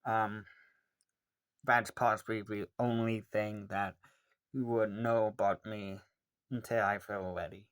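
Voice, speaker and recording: A young man in his late teens answering viewer questions in a casual, rambling way, with many pauses and ums. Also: fairly low pitch, little pitch movement, smooth. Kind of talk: casual Q&A monologue.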